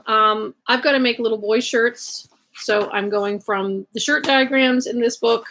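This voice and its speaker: Creaky-voiced Southern American woman, chatty. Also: mid-range voice, a bit bright. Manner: chatty, rambling asides. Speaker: livestream host sharing sewing resources. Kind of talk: casual explanatory chat to camera. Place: indoors at home, in bed in a bedroom.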